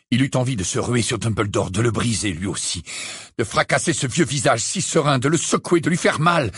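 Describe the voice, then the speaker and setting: A man narrating an audiobook in an expressive, dramatic reading. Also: medium pitch, breathy edge, no room sound, studio quality. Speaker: audiobook reader. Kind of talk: scripted narration.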